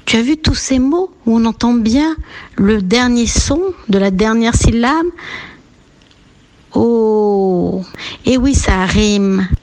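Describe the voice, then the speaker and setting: A woman teaching a radio lesson for young children, speaking gently with encouraging leaps in her voice. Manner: slow, gentle, lilting teacher voice with big pitch leaps to encourage. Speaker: preschool teacher.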